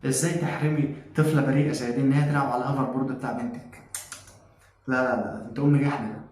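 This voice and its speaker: A man's voice: mid-range voice, fairly even intonation, racing, a little mellow. A man with an Egyptian accent hosting a reaction video, making mocking, sarcastic comments. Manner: mocking, sarcastic, laughs at the clip. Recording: very echoey room, faint noise.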